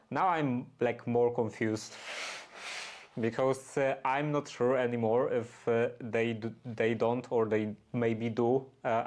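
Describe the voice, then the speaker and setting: A man chatting casually and unscripted, halting and often searching for his words. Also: medium pitch, a little mellow. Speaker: streamer doing workshop restoration.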